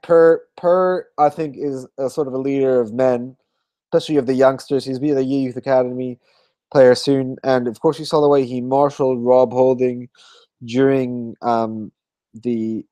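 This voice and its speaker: A man's voice: medium pitch, flat delivery, normal speed, warm tone, no room sound. Tired, rambling male football podcaster. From Australia. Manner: rambling, self-correcting, fond of fillers. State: tired, yawning. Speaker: podcast co-host. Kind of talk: casual football chat.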